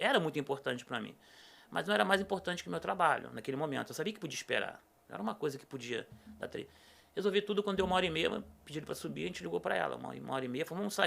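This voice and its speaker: A man's voice: on the high side, creaky. A middle-aged man, a podcast guest telling a personal story in a casual chat and acting out the dialogue as he goes. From Rio de Janeiro state, Brazil. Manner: animated, acts out quoted dialogue.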